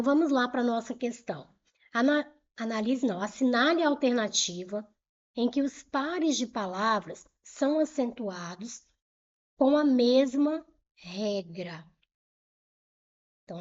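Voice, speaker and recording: A middle-aged woman with a slightly high voice teaches grammar in an online exam-prep lesson. She explains each rule step by step, repeats key points and asks the viewer rhetorical questions, urging them along briskly. The recording sounds dull and muffled. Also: darkish tone.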